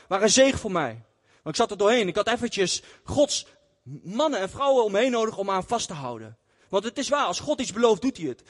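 Man giving a church testimony, earnest, high voice, long reverb. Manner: earnest, retelling scripture with raised cries. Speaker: lay preacher.

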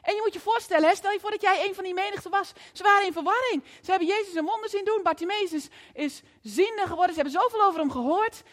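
A woman preacher delivering a lively storytelling sermon in a church, often asking the audience questions. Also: very high-pitched, fast, hardly any pauses, in a large hall.

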